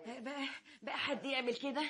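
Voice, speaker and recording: A woman's voice: sits high, steady tone, fast, a bit bright. An actress playing a frail elderly mother with an Egyptian accent, groaning and complaining as she walks. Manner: moaning, complaining. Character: frail elderly mother slipping on a wet street.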